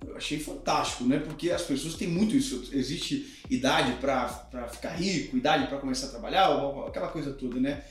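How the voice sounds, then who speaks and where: A man's voice: mid-range voice, fairly quick, hardly any pauses. A man in his thirties, a pastor, speaking earnestly and emphatically in a podcast conversation. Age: 30s. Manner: earnest, emphatic, teaching with examples. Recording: very echoey room with music behind.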